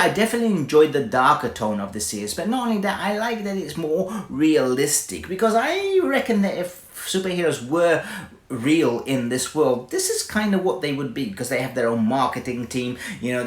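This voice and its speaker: Man, chatty rambling reviewer, enthusiastic, echoey room. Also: fairly high pitch. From Malta. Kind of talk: casual straight-talking review.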